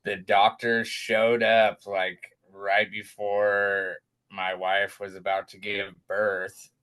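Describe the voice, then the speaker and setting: A young man, a guest father, telling his story in a casual, animated way and acting out the quotes. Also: slow pace. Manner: animated, acts out quotes with raised pitch.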